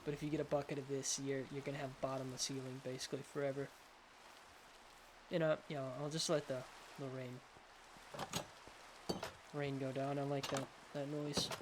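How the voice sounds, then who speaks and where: A man's voice: medium pitch, level tone, normal speed, pauses often. Lisping man, noisy recording. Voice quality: lisp. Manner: hesitant, rambling, unsure. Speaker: gaming video host. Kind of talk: casual game showcase commentary.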